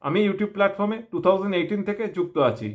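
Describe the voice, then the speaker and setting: Speaking through a face mask, a man with a West Bengal Bengali accent introduces himself to viewers as host of a YouTube opinion channel. His voice is high-pitched and very fast.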